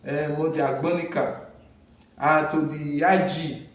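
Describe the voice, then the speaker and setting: A man's voice: fairly high pitch, fairly even intonation, unhurried. A man with a Nigerian accent co-hosting a conversational civic discussion in Nigerian Pidgin. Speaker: co-host of a citizens' rights programme. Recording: very echoey room, distant from the mic.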